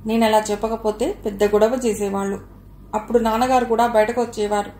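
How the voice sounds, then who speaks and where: A gentle young husband with a soft, reassuring way of talking, as a woman reads him. The voice sits a little high, with faint hiss in a roomy recording. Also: steady tone, brisk, natural voice.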